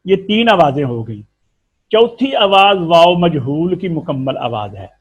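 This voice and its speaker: A man's voice: on the high side, very animated, unhurried, breathy edge, muffled recording. A man with an Urdu accent teaching a tajweed lesson, explaining patiently and stretching out syllables to demonstrate sounds. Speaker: Quran recitation teacher.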